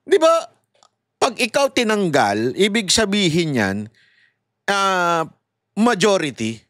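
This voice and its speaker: A man delivering mocking, fired-up political commentary, his high voice swinging widely up and down. The sound is close and dry, with no room around it. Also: very animated, slow, a bit bright, dry recording. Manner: mocking, heated and sarcastic, addressing viewers directly. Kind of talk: casual political commentary to viewers.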